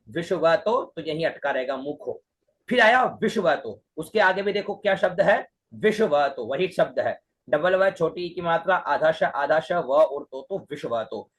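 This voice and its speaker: High-voiced Indian man, slow patient chant teacher. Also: lively intonation, breathy edge. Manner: patient, repeats syllables slowly and drills the chant line by line. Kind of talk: teaching Sanskrit mantra recitation.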